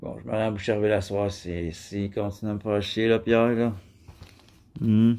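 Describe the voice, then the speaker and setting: A man's voice: lowish voice, level tone, normal speed, warm tone. A man with a Québécois French accent, rambling in a casual vlog monologue and speaking straight to the viewer. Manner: meandering, addresses the viewer directly, frequent filler "là". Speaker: vlogger.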